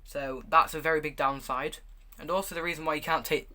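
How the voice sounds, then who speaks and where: A man reviews gas masks in a casual, hands-on way, showing items to the camera. His voice is on the high side, bright and forceful, with a steady tone and a slightly fast pace, though he speaks stop-start and hesitantly, repeating words.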